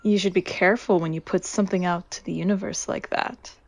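A woman's voice: lowish voice, steady tone, brisk, natural voice. A woman playing a seductive devil disguised as a woman in a horror audio drama, knowing, persuasive and coolly in control.

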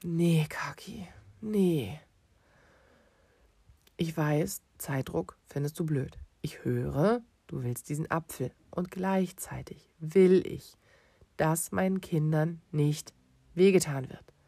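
A man voicing a hurried but patient father who explains things loudly and firmly. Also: a little high, gravelly, slightly rough, no echo. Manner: loud, insistent, calm explaining under time pressure.

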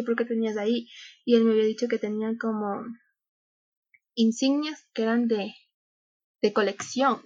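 A woman's voice: fairly high pitch, darkish tone. A young woman, a scout leader and podcast guest, telling a story in a chatty way and acting out the dialogue. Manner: chatty, acts out quoted dialogue, frequent laughs. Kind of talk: casual interview storytelling. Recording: dull, lo-fi sound.

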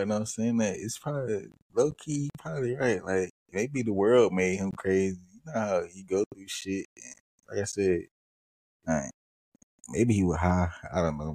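Low husky New man telling stories. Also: mellow. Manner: loose, profane, rambling storytelling with laughs. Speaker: podcast host. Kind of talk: casual storytelling.

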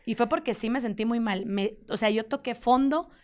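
A woman's voice: fairly high pitch, moderate pace. A woman co-hosting a casual conversation with her partner, telling personal stories and acting out what people said. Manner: animated storyteller, acts out quotes. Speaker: podcast co-host.

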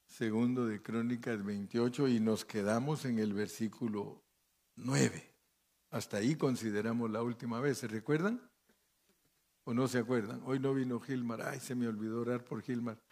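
A man's voice: mid-range voice, steady tone, moderate pace, a little mellow. A man preaching as a pastor, reading scripture aloud and commenting between the verses, often checking in with his listeners with short questions. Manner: checks in with listeners by asking "¿sí?" and "¿verdad?". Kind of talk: sermon with Bible reading.

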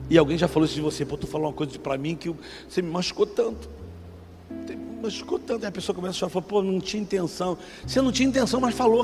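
A middle-aged Rio de Janeiro preacher with a high, lifted voice, delivering a fervent sermon. He calls his listeners brother and drops to near-whispers before rising to loud outbursts. His words ring out with a long church-hall reverb and faint music underneath. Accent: Rio de Janeiro Portuguese.

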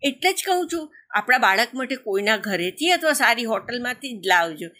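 A woman's voice: big pitch swings, a little fast, bright, forceful tone, full character voice. A woman voicing a fussy, scolding mother crow who fusses over her chick in a storybook tale. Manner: nagging, fussy, higher than her narration.

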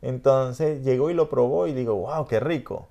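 A man's voice: medium pitch, normal speed, gravelly, warm tone. A middle-aged man with a Venezuelan accent, hosting a podcast in a reflective, rambling conversational way. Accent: Venezuelan Spanish. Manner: reflective, rambling, frequent "¿entiendes?". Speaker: podcast host. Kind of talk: casual conversation.

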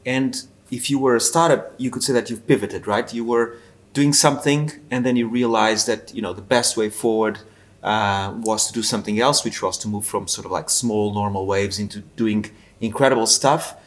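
A man's voice: lowish voice, steady tone, normal speed. A man hosting a podcast interview, conversational and asking leading questions. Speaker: podcast host.

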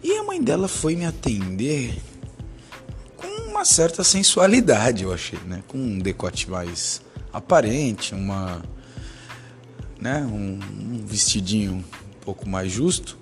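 A man's voice: on the low side, measured pace, soft background music. A man in his thirties with a Brazilian Portuguese accent, telling a bawdy personal anecdote in a joking, casual way. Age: 30s. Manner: bawdy, joking, lively storytelling. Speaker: storyteller.

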